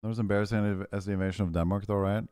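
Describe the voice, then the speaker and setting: A man's voice: lowish voice, flat delivery, rapid-fire, a little mellow, clean tone, dry recording, studio quality. A man with a Norwegian accent, chatting casually on a game stream in a laid-back, profane way full of gamer slang. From Norway.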